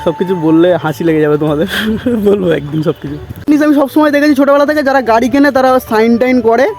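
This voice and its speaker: A young man from West Bengal, India, vlogs casually to his viewers on a self-filmed handheld camera, telling a story in a chatty way, often calling them brother and repeatedly saying "bhai" and "thik ache." His voice is very high-pitched, quick and a little mellow.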